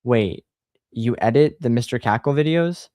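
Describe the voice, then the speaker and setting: A man's voice: medium pitch, animated, normal speed, mellow, no echo, studio quality, natural voice. A man reading aloud and voicing a meek, stammering little girl who makes movies. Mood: timid. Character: timid young girl who loves making movies.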